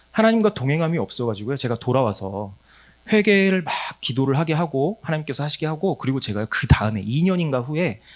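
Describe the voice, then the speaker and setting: A man giving a conference sermon as a missionary speaker, telling stories with laughter and acted-out quotes. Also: mid-range voice.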